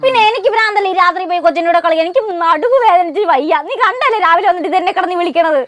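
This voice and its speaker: Lady playing a cranky older woman, very high squeaky voice, rattles on super fast, dry sound. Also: expressive, dry recording. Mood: grumpy. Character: grumpy older woman with a bad back. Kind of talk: comedy sketch acting.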